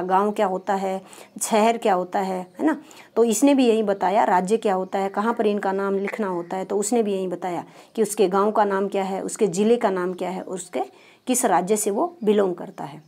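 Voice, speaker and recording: Her mid-range voice is steady and dark, moving a little fast. She's teaching primary school pupils, patiently explaining and answering her own questions.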